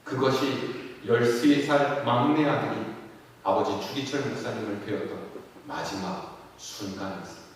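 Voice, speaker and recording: A man's voice: mid-range voice, moderate pace, slight background noise. A man pastor telling a story in an earnest sermon, rising in intensity at moments of grief. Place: church sanctuary. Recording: echoey church hall from far off.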